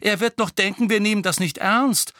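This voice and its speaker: A man voicing a cheeky, lively young female witch in an audiobook, teasing in a high voice. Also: moderate pace, dry recording, studio quality. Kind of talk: audiobook character voice.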